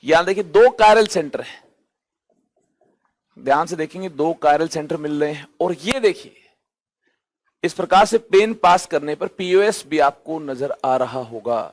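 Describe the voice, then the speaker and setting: Lively, fairly high-voiced male chemistry teacher. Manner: rhetorical questions answered himself, lively rises and drops; drawn-out emphasis on key terms. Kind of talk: online lecture.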